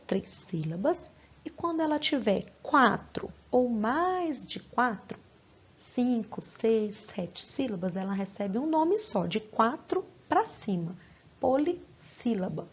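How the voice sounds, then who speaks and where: Slow, patient teacher woman, husky. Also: fairly high pitch, darkish tone, lo-fi sound. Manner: patient, sounds out words syllable by syllable. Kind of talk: recorded lesson for young children.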